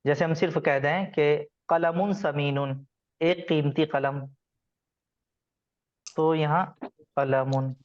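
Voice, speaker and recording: A man's voice: fairly high pitch, steady tone, takes it slowly, pauses often, dull audio. Patient male teacher quizzing his class. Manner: patient, quizzes students by name. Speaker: Arabic grammar teacher. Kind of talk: online class lecture.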